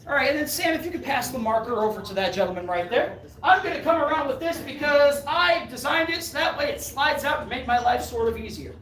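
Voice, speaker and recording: A woman performs a live mind reading act indoors, giving her audience playful, self-deprecating, off-the-cuff patter. Her high, slightly bright voice is animated and a little fast, with hardly any pauses. The echoey venue is captured by a distant mic with faint noise.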